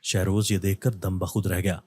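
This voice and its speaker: A male storyteller giving scripted narration of a story in a steady, measured reading. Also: sits low, slightly rough, dry recording.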